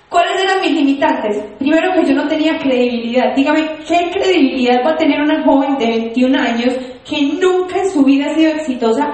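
A young woman giving an animated, emphatic motivational testimony to an audience, telling her story. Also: sits high. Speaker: network marketing speaker. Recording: echoey hall.

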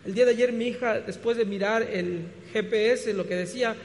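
A man preaches in a very high voice, throwing out rhetorical questions and stumbling over restarts. His sermon rings through a hall with a long echo. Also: steady tone, a little fast. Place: church hall. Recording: reverberant hall.

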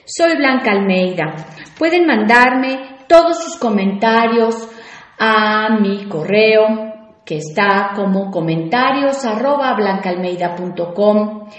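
A woman's voice: mid-range voice, slow pace, heavy reverb. A woman hosting a radio talk show on personal growth, speaking reflectively and asking her listeners questions.

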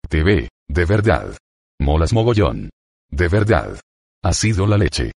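A man's voice: sits low, very animated, slow pace, gravelly, darkish tone, breathy edge, full character voice. A man reading the lines of a bored young female cashier, in a plain reading voice. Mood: bored, giddy. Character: young woman, bored juice bar cashier.

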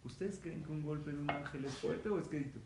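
A man's voice: a little high, a little fast. A man giving a religious lecture, telling stories with energy and putting questions to his audience. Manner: lively storytelling, asks the audience questions. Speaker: rabbi lecturer. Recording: roomy hall with faint noise.

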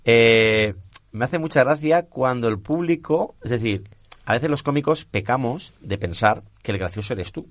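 Animated, laughing man. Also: mid-range voice, moderate pace, no echo. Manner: animated storyteller, laughs often. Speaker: stand-up comedian and guest. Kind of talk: casual interview chat.

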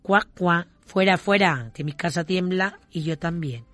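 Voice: mid-range voice, unhurried, fairly bright tone, faint music behind, lightly acted. A storyteller voicing a tidy, house-proud young female mouse in a sing-song storybook reading.

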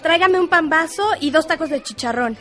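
A chatty, high-voiced teenage schoolgirl in an educational radio drama. She gossips with a lot of sighs and exclamations. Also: fairly quick, fairly bright tone, soft background music. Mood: gossipy. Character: teenage girl Fer, shy about her crush.

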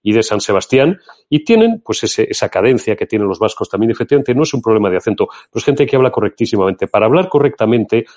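A man's voice: on the low side, very animated, fast talker, darkish tone. A middle-aged man from Spain with a Castilian accent, talking politics on an opinion show in an emphatic, indignant, rhetorical way. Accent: Castilian Spanish. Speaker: political commentator.

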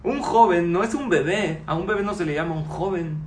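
A man in his forties leads a religious class before a live audience, his voice sitting a little high for a man. He keeps it animated and peppers the room with rhetorical questions. The sound is roomy and echoey, with a faint hum of noise underneath. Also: brisk. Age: 40s. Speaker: Torah teacher.

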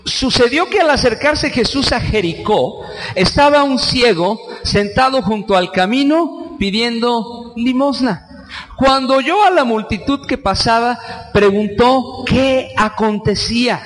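A male pastor with a Mexican accent delivers an animated sermon, regularly turning questions out to his congregation. His voice sits fairly high for a man. It carries a long reverb that fills the church hall. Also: a little slow.

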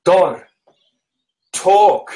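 A native English speaker lectures slowly in a second language, repeating words and searching for terms as he explains. His voice is high, expressive and dark in tone.

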